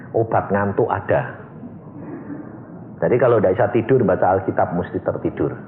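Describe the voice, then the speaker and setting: A man preaching a sermon as pastor, swinging between high excited questions and low confiding asides. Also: slight background noise. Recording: echoey room on a thin phone-like line.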